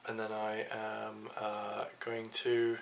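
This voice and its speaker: A man's voice: lowish voice, completely flat delivery, takes it slowly, vocal fry, fairly bright tone, slight background noise. A tired young man from England rambling to a desk webcam in a small home office, full of hesitant fillers. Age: young adult. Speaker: vlogger. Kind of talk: casual vlog to camera.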